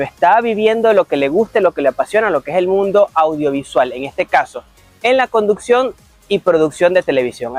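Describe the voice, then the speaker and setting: In an upbeat presenter's manner, a male show host reads a science segment and introduces guests. His voice is high, with no echo.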